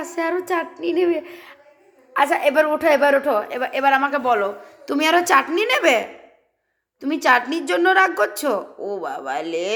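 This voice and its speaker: High-voiced woman gently coaxing a child. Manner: soft coaxing, pleading. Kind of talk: casual home video.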